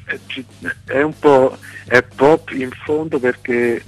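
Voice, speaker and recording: A man from Switzerland speaking non-native Italian with a foreign accent, halting and searching for words in a radio phone interview. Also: mid-range voice, fairly even intonation. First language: not Italian. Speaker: band singer and guitarist being interviewed. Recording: phone call on radio, music behind.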